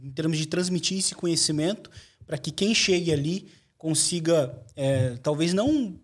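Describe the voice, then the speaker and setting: A man with a slightly high voice talks at a normal speed while hosting a casual podcast interview. His questions are long and rambling, full of restarts.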